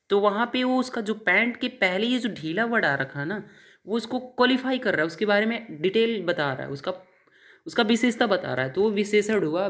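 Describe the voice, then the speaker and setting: A man with a high-pitched, slightly bright voice teaches an exam-prep vocabulary lesson as an English teacher. He mixes in English words and spells them out letter by letter, and he poses questions to the class only to answer them himself.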